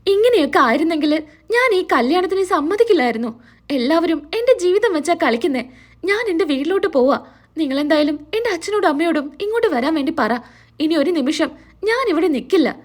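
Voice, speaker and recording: A woman voicing a sharp-tongued young wife who talks in a sarcastic, taunting way. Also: extremely high pitch, expressive, a little fast. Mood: aggrieved.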